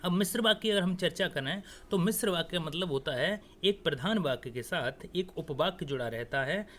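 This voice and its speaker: A man's voice: fairly high pitch, lively intonation, brisk, fairly bright tone. A man teaching Hindi grammar for exam prep, explaining step by step and speaking straight to his students. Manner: explains step by step, often adds "theek hai"; talks straight to students, coaxing.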